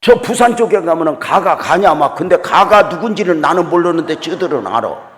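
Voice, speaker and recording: A middle-aged man preaching a revival sermon as a guest pastor, swinging between loud exclamations and quiet storytelling and putting questions to the congregation. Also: a little high, lively intonation, a little fast. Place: church sanctuary. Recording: church hall reverb.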